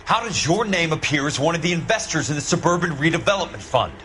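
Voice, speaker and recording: An actor playing a blunt, sardonic American war-veteran investigator in a hard-boiled crime game. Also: male voice, a little high, lively intonation, fast talker, a bit bright, slight background noise. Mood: demanding, angry.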